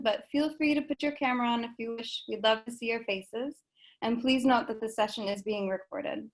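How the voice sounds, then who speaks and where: A woman hosting an online interview session, reading a prepared introduction in an even, organized way over a video call. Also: fairly high pitch. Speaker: host of an online speaker session.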